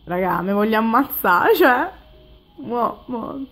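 A woman's voice: fairly high pitch, very animated, slow, a bit bright. A young woman unboxing an album on her vlog, overexcited, squealing and near tears as she talks to her viewers. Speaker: vlogger. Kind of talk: excited unboxing video.

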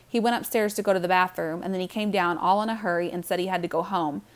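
A woman voicing a guilty, defensive young boy in a storybook reading, loud and exasperated. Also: lowish voice, fairly even intonation, quick pace, natural voice. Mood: glum. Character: boy Evan, guilty, defensive older brother.

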